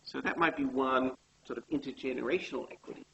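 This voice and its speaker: A man's voice: mid-range voice, steady tone, fast talker, creaky, lo-fi sound. Man, university lecturer, conversational, asks questions, faint hiss and clicks behind. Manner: conversational, asks the class questions, self-corrects. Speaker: economics lecturer.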